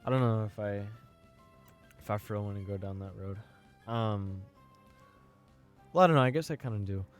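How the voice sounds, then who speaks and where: A man's voice: fairly low pitch, normal speed, soft background music. A young American man hosting a podcast, talking through his opinions in a rambling, hesitant way and often checking in with "you know what I mean.". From United States. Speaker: podcast host. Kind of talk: casual opinion monologue.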